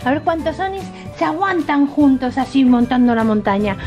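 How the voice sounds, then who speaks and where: Female kids' toy-channel host, Spain Spanish accent, high-pitched squeaky sing-song, playful and exclamatory, over music. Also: expressive, moderate pace, a little mellow. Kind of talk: playful toy play narration for children. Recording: music behind the voice.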